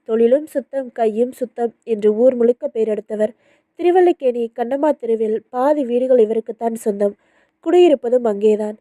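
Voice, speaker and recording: A woman narrating a story in a calm, even reading manner. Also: fairly high pitch, moderate pace, no echo.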